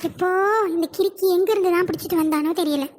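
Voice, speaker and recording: Woman putting on a very high-pitched nagging mother-in-law. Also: steady tone, fast talker, darkish tone. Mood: scolding, scornful. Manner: nagging, scolding complaints. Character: nagging, scolding mother-in-law in a village household. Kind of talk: comic family skit.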